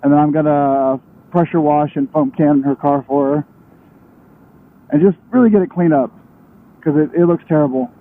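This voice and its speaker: A man's voice: on the high side, steady tone, moderate pace, pauses often. A young man chatting casually and in a rambling way while riding a motorcycle, his voice muffled inside a helmet. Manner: rambling, conversational, self-interrupting. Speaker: motorcycle vlogger. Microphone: helmet microphone. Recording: thin radio-like sound inside a helmet.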